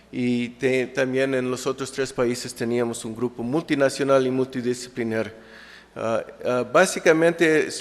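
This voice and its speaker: Speaking a language that isn't his native one, a conference speaker delivers an academic presentation with frequent fillers and false starts. He has a medium-pitched voice, and the lecture hall is echoey.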